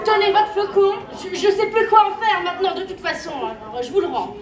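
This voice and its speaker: Woman playing a very high-pitched theatrical heroine. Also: a little fast, over a noisy crowd, heavy background noise. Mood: earnest. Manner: theatrical, exclamatory. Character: dramatic, earnest heroine rallying children to save Jules. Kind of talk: live children's Christmas stage play. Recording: distant echoey hall, loud music and audience.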